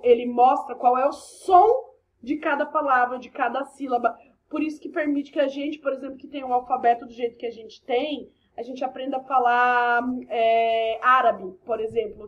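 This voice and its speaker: A woman's voice: high voice, dull audio. A Brazilian woman teaching an English class, explaining step by step with chatty asides and frequent "ok?" checks. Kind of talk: recorded online class explanation.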